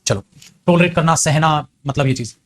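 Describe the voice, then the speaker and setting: An English teacher with an Indian accent, coaxing students and slowly repeating example sentences. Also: male voice, fairly high pitch. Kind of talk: classroom lesson.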